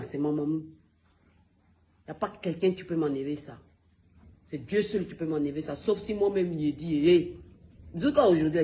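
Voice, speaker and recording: A man's voice: sits high, darkish tone. A man ranting into his phone on a gossip livestream, repeating himself emphatically and talking straight to his viewers. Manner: emphatic, repetitive, addressing viewers directly. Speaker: gossip live-streamer. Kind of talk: heated phone livestream rant.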